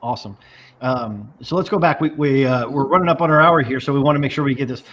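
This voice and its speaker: A man hosting a live online interview, talking fast and moving the conversation along briskly. His voice comes through muffled and lo-fi, with the highs dulled. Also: a bit bright. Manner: brisk, upbeat, steers the conversation. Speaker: interview host. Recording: dull lo-fi sound.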